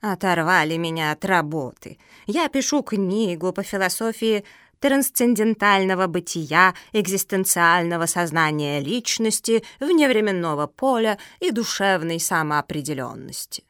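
A grumpy old turtle grandmother who lectures everyone with fussy self-importance, as a woman reader puts her on. Her voice sits a bit lower than the narration, in a dry, close recording. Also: lively intonation, unhurried, a bit bright, smooth, no echo. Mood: pompous. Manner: pompous, fretful, lecturing. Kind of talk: audiobook character reading.

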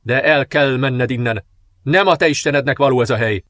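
A man voicing a vengeful sixteen-year-old dark princess in an audiobook, proclaiming and cursing in a raised voice. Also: medium pitch, no echo, clean studio sound, close to an everyday voice. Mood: cold. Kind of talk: audiobook character reading.

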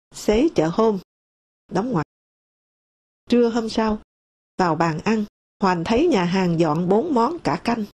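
A woman narrating a memoir audiobook in a steady, measured storytelling manner, reading the quoted dialogue in her own voice. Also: mid-range voice. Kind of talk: memoir read aloud.

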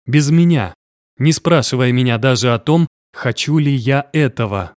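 Slow measured male audiobook narrator. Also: mid-range voice, no echo, studio quality. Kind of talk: first-person audiobook narration.

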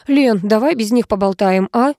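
A woman's voice: on the high side, animated, brisk, mellow, no echo, clean studio sound. A woman voicing a bedridden man who whines, pleads and dodges questions, in an audiobook reading. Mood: whining. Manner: whining, pleading. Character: whining bedridden man, evasive and complaining.

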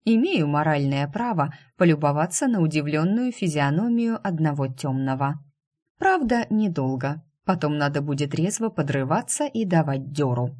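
A woman's voice: deep voice, a little mellow. A woman narrating a first-person fantasy audiobook with wry, ironic storytelling.

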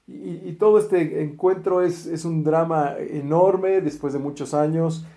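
A man preaching a sermon, retelling a Bible story in a lively way and acting out the quoted speech, with frequent fillers and restarts. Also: on the high side, unhurried, creaky, echoey room.

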